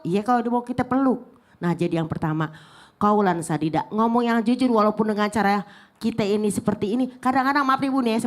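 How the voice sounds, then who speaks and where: Woman preacher, middle-aged, higher voice, animated TV sermon with acted-out scolding and teasing asides. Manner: animated, acts out scolding mothers and children; chatty, teasing asides to the audience. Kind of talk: lively sermon on a TV show.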